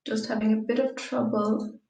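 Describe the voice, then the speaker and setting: A woman's voice: a little high, flat delivery, normal speed, gravelly, warm tone. A middle-aged woman with a west of Ireland accent, giving an informal online presentation. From Galway, Ireland. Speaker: translator, guest speaker. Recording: roomy, echoey, distant microphone.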